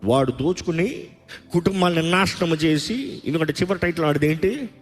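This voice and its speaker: Animated man preaching a sermon. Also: on the high side, moderate pace, faint music behind. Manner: animated preaching, asks the congregation questions. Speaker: pastor.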